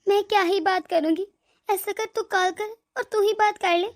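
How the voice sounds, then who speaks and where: A worried older mother in a cartoon, voiced by a woman speaks low for this performer and quietly. Her talk is soft and fretful, full of anxious hesitation. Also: fairly even intonation, normal speed. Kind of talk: cartoon voice acting.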